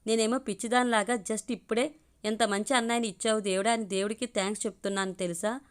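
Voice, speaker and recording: A woman voicing a quick-tempered, spirited young woman in a spoken audio story. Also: fairly high pitch, steady tone, close to an everyday voice. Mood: pleading.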